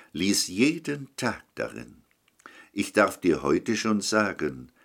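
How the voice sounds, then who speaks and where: A man preaches a short telephone sermon in a very deep voice. He takes his time and his pitch rises and falls a lot. He pleads with the listener and addresses them directly.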